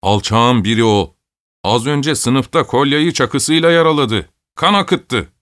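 A man voicing a gang of excited, jeering eleven-year-old schoolboys who shout and taunt. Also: mid-range voice, a little slow, no room sound, studio quality.

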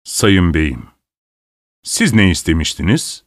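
A pompous country landowner drawls his words slowly with lofty indignation, as a male narrator puts him on. His storybook voice sounds dry and close. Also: low voice, very animated, dry recording, pitched below the performer's own voice, full character voice. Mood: haughty. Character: pompous, haughty country landowner, middle-aged. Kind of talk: audiobook character voice.

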